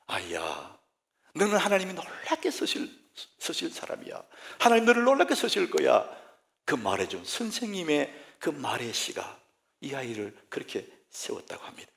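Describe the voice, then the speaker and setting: A male senior pastor delivers a sermon in a church sanctuary. His pitch ranges widely and his voice has a gravelly texture, moving from hushed whispers to fervent exclamations. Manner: emotive, swings between loud exclamations and hushed whispers.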